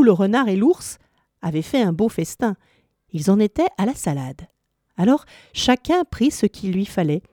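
A woman reading a children's story aloud, expressive and animated in her telling. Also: on the low side, no room sound, studio quality.

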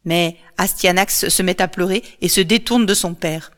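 Calm woman narrating a storybook. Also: fairly low pitch, normal speed.

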